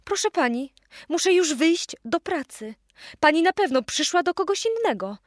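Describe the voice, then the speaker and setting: A woman voicing a busy, flustered mother in a storybook reading, hurried and fretful. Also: extremely high pitch, very animated, no echo, studio quality, pitched above the performer's own voice.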